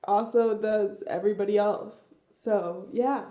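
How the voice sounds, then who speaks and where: A woman's voice: mid-range voice, steady tone, a little slow, mellow. A seventeen-year-old young woman chatting casually on a podcast, giggly and easygoing. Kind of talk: casual group podcast chat. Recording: roomy echo.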